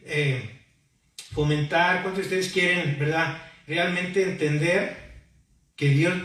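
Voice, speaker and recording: A man with a fairly high pitch preaches a sermon as pastor in an echoey church hall, using call-and-response questions with the congregation. The mic is far off and the hall very reverberant.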